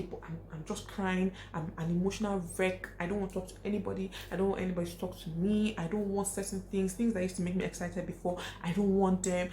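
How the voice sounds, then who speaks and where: A woman's voice: fairly low pitch, warm tone. A young woman vlogger giving frank, emphatic advice to her viewers, repeating her points for stress. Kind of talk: casual advice talk to camera. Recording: echoey room, faint hiss.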